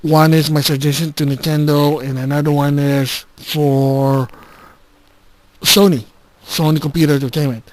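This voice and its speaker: A man giving a casual gaming channel update, recorded on a handheld game console's voice recorder like a dictaphone, halting and restarting often. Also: on the high side, little pitch movement, dry recording. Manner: halting, with frequent restarts and filler words. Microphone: handheld game console's built-in recorder.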